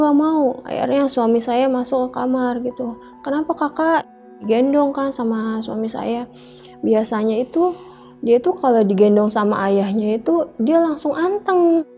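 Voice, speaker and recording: Storytelling woman. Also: a little high. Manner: re-enacts dialogue, filling speech with "gitu". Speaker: interviewee telling a personal story. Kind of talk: emotional first-person storytelling. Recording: dull lo-fi sound with faint background music.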